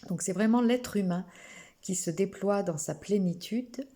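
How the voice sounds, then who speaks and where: French woman, card reading, slow, hesitant, mellow, somewhat low. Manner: slow, gentle, with frequent hesitations and restarts. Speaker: spiritual card reader. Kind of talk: oracle card reading to camera.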